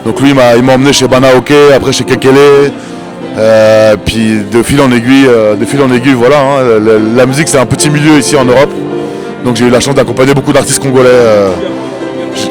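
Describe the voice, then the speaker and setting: A middle-aged man from Paris, a drummer, answering interview questions in a warm, easygoing way. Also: medium pitch, fairly even intonation, fast. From Paris, of Cuban descent. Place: busy train station. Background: music.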